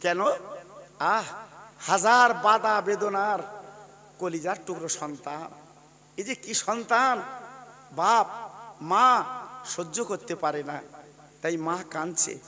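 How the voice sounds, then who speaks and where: A male preacher from India giving an emotional storytelling sermon that swings from shouting to low murmurs. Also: slow, long pauses, long reverb tail. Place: outdoor religious gathering.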